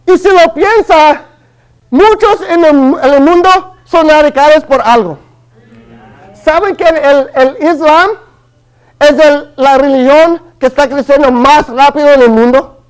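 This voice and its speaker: This Chicano preacher, an early-thirties man from Los Angeles whose family comes from Guatemala, has a high voice and an unhurried delivery. He gives a Spanish-language sermon hesitantly, with many fillers and restarts, over poor audio.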